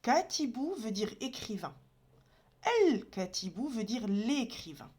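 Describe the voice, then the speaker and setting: A woman's voice: a little high, animated, slow, a little mellow, breathy edge. A woman teaching a beginners' language lesson, patiently spelling out each letter and sound as she writes. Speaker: Arabic teacher. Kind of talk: slow step-by-step lesson.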